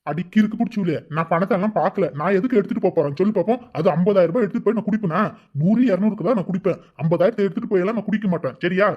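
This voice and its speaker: A man playing a gruff defensive village father. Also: high voice, racing. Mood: indignant. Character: middle-aged village father accused of drinking. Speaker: husband. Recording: dull lo-fi sound.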